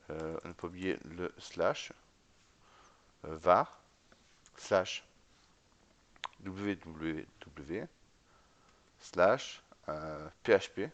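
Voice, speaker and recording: A man giving a casual step-by-step tutorial on setting up a web server, spelling out commands letter by letter and often checking in with the viewer. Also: on the low side. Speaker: tutorial instructor. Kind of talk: screen-recorded command-line tutorial.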